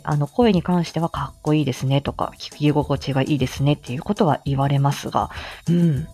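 A woman streamer chatting with her audience in a low, steady voice with clear, crisp diction. Her pitch swings a lot as she talks and she fills her pauses with fillers. Soft music plays faintly behind her. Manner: chatty, frequent fillers, reads viewer comments. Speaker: streamer, voice reader. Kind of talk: casual livestream chat.

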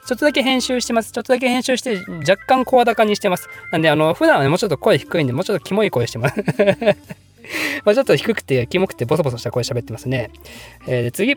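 A Japanese man hosting a history channel, answering viewer questions in a rambling, self-deprecating way with frequent laughter; his voice is slightly pitched up in editing. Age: adult, working. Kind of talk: casual Q&A monologue.

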